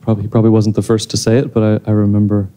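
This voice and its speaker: A man's voice: lowish voice, completely flat delivery, racing, mellow, a little hiss or hum. A man in his thirties answering audience questions after a screening, speaking into a handheld mic on a theater stage, thoughtful and hesitant with many restarts. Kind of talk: post-screening Q&A.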